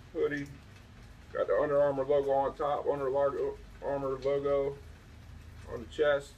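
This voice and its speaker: A man's voice: medium pitch, gravelly, darkish tone, recorded from a distance. A man in a mid-range voice rambles through a casual show-and-tell, full of fillers and restarts. He sits out on a back porch at night, a little back from the mic. A faint outdoor hum sits underneath. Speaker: thrift reseller showing his finds.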